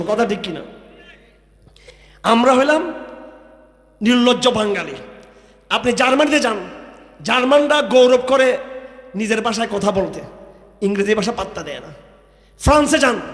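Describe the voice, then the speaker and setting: A man's voice: high-pitched, fairly bright tone. A man from Bangladesh preaching a sermon to a crowd, firing rhetorical questions and mocking. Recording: echoey hall with long reverb.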